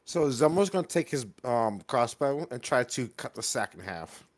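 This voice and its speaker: A man's voice: mid-range voice, very animated, moderate pace, a little hiss or hum. A man casually describing his character's actions as a player in a tabletop game.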